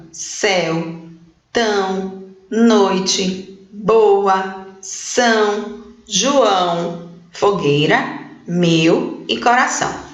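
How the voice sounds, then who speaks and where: A woman's voice: a little high, fairly bright tone. Patient teacher woman in an echoey room. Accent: Brazilian Portuguese. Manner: slow, syllable-by-syllable spelling out of words; checks in with pupils with "ok?" and "certo?". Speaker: primary school teacher. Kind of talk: recorded remote lesson, correcting exercises.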